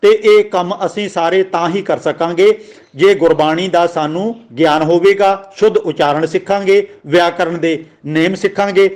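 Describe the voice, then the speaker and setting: A man with a Punjabi accent giving a religious grammar lesson, slowly spelling out words and their pronunciation. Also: high-pitched, steady tone, a little mellow. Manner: slow, deliberate, spells out words letter by letter. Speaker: teacher of scripture grammar.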